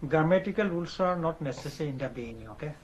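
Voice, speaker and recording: A man's voice: fairly high pitch, expressive, very fast. A man from Assam with an Indian English accent, Assamese his first language, explaining points in a lecturing, emphatic way and often adding "okay". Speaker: interviewee, English learner. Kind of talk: casual conversation. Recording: muffled with faint noise.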